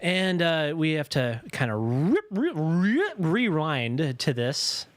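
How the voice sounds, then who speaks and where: An animated young man co-hosting a casual podcast, his slightly high voice swinging widely as he tells stories. He swears freely and keeps slipping into exaggerated put-on voices. The sound is close and dry, with no room echo. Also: slow pace. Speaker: podcast co-host. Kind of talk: casual chat.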